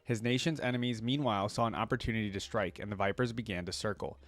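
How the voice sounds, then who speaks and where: His voice fairly low and his delivery fast, a man hosts a relaxed reaction video in a dry recording. He reads lore aloud while tossing in conversational asides.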